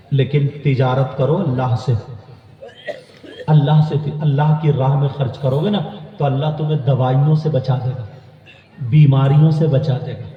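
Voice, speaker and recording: A man preaching an impassioned religious sermon that swings into loud shouted peaks, speaking at a gathering raising funds for a mosque. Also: medium pitch. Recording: distant, echoey hall, dull lo-fi sound.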